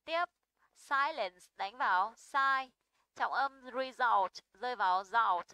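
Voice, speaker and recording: A woman's voice: fairly high pitch, slow, pushed and bright, clean tone, rough recording. A young woman teaching an English pronunciation lesson. She is patient and often checks in with her students.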